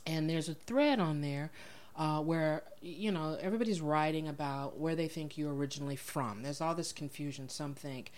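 A low-pitched woman hosting a relaxed interview. She talks in a chatty way, with frequent laughs and "um"s. Her tone is informal and conversational. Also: moderate pace. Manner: chatty, laughs often, many fillers. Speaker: podcast host. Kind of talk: casual interview.

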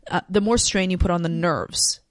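A woman's voice: fairly low pitch, steady tone, normal speed, dry recording, clean studio sound. A woman co-hosting a yoga podcast, explaining postures in a casual chat and thinking aloud with restarts.

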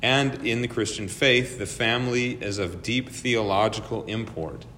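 A man's voice: moderate pace, sharp tone. A man teaching an adult church class and leading a prayer, often repeating words as he thinks, his voice echoing through a large church hall. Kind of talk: lecture with opening prayer. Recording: echoey hall reverb with faint rumble.

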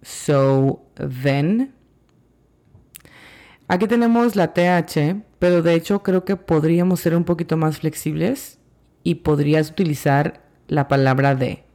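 A patient language teacher speaking at an unhurried, deliberate pace in a middle-range voice. Words get spelled out sound by sound, and each example phrase is repeated slowly so it can be practiced. It sounds like a calm podcast lesson. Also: mid-range voice. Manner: slow and careful, spells out sounds letter by letter. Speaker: English teacher.

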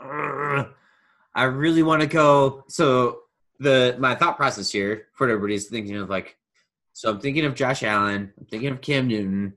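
A male podcast co-host talks sports in a casual tone, thinking out loud as he weighs his choices. His voice sits at an ordinary pitch for a man. He speaks in an unhurried, deliberate way.

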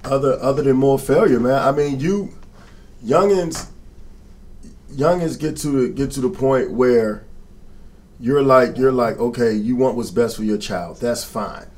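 Animated joking man over background noise. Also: mid-range voice, unhurried. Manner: animated, joking, preachy about life lessons. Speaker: coach, co-host. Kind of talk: casual podcast chat.

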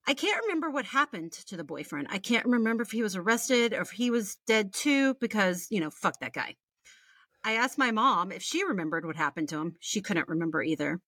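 An American woman in her forties from Texas co-hosts a podcast, reading a personal story aloud with candid, wry, chatty asides and casual swearing. Her mid-range voice is sing-song, brisk and fairly bright, with no room sound.

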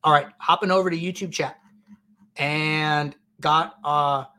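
Chatty man with a slightly high voice. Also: steady tone, unhurried, bright, forceful tone. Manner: loose and chatty, many fillers and restarts. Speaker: host answering viewer questions. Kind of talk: casual live-stream Q&A explanation.

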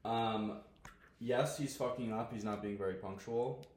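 Young man, podcast guest, blunt, casual swearing, deep voice, roomy echo. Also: unhurried, a little mellow, a little hiss or hum. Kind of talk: casual chat. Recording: echoey room.

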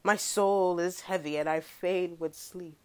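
A woman's voice: lowish voice, steady tone, measured pace, darkish tone, clean tone, lightly acted, rough recording. A woman playing a frightened, guilt-ridden male duke in prison, speaking in classical stage verse. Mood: haunted. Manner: fearful, pleading classical verse.

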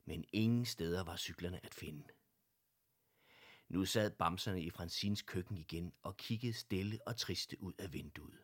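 A man narrating a children's audiobook with expressive storytelling. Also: low voice, breathy edge.

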